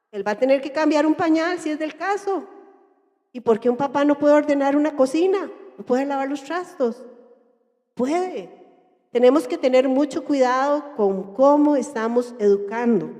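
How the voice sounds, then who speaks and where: A woman with a Costa Rican accent speaking to a group, lively and questioning her listeners. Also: high-pitched. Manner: lively, asks the audience questions and acts out everyday voices. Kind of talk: talk to a church group. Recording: echoey hall.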